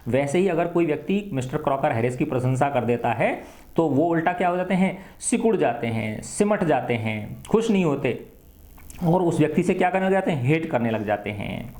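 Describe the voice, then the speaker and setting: A male teacher explaining an English play in Hindi, reading English lines slowly and then explaining them with rhetorical questions. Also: a little high, animated, darkish tone. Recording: echoey room.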